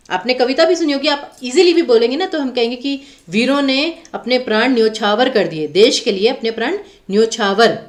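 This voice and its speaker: A woman teacher with a fairly high voice that rises and falls a lot as she walks through exam questions. She explains each option step by step and repeats words to stress their spelling. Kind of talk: exam prep lecture.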